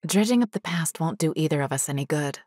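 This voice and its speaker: A woman's voice: low voice, expressive, fast talker, a little mellow. A woman voicing a guarded woman who keeps her former partner at a distance, speaking in a cool, clipped, distant way as a character in an audiobook story. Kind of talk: audiobook dialogue.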